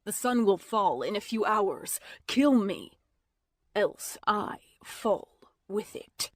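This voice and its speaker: Woman reader doing a wounded male lover: breathy, slow, pleading, dry booth. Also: mid-range voice, lively intonation, dry recording. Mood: grave pleading. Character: brooding wounded male vampire-like lover, grave. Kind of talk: audiobook character voicing.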